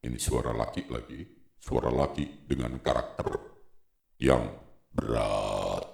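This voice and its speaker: A man talking slowly through a deep voice-changer filter while testing it. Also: fairly even intonation, vocal fry, a little mellow, roomy sound, full character voice. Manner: slow, testing the effect.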